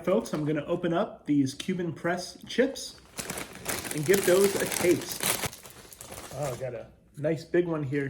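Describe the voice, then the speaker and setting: Higher-pitched man hosting a snack review. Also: a little mellow. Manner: chatty, pausing to taste with thoughtful hums. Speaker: food reviewer and video host. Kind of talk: casual snack taste-test review to camera.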